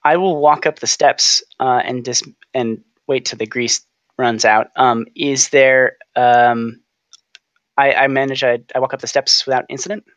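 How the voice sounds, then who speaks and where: Male tabletop player, medium pitch, hesitant casual talk, dry, slightly dull microphone. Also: fairly even intonation, a little slow, a bit bright, no room sound.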